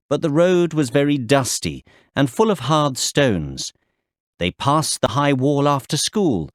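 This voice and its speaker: A man's voice: medium pitch, no echo, clean studio sound. A man reading a children's story and track announcements for a textbook course in scripted narration. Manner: slow, careful classroom reading with lively intonation.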